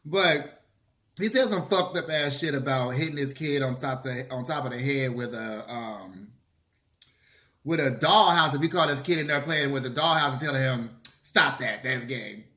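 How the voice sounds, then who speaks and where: Sassy, bright-voiced man in an echoey room. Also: medium pitch, normal speed. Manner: opinionated, sassy, emphatic, swearing slangy talk. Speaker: vlogger hosting a mukbang. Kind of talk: casual chit-chat to camera while eating. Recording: roomy, echoey room sound.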